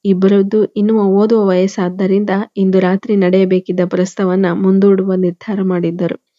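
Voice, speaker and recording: A woman narrating a love story in a measured, even reading. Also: medium pitch. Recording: dull lo-fi recording.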